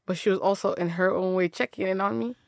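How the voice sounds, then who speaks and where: Candid young woman with a gravelly low voice. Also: fairly even intonation, fast. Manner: candid, laughs often, restarts sentences. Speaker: podcast host telling her story. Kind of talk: personal storytelling monologue.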